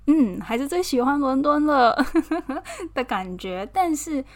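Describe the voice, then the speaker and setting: A woman with a Taiwanese Mandarin accent and a fairly high voice talks in a loose, personal, chatty way. Her delivery is expressive and she laughs easily. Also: measured pace. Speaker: podcast host, model. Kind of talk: casual personal chat.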